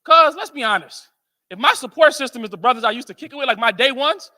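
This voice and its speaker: American conference speaker, male, high and sharp voice, storytelling motivator. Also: fast. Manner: animated storyteller, keeps asking "right?". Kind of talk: motivational speech to men.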